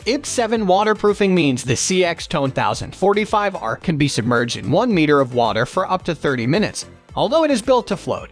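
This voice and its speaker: Over faint background music, a man with a high-set voice reads a scripted product review voice-over. His intonation rises and falls in animated swings as he runs through the features in a promotional, list-like way.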